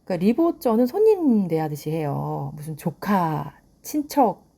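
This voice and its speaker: A middle-aged woman in a casual drama recap, retelling scenes with animated commentary on the characters. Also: lowish voice, moderate pace, vocal fry. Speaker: drama reviewer.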